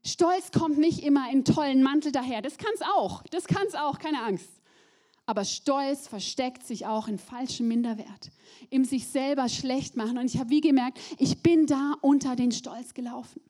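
A woman's voice: high voice, moderate pace. A young woman preaching a sermon, talking straight to her listeners and dropping to a whisper for emphasis. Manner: animated, addresses the audience directly, drops to whispers for emphasis.

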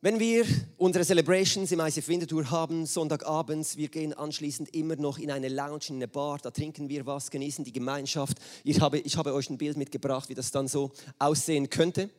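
A man delivers a sermon to his congregation. His voice sits a little high, and he reads the scripture with lively expression, shifting his tone for the quoted speakers. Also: brisk, hardly any pauses. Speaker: preacher. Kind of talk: sermon with Bible reading. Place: church hall with screen.

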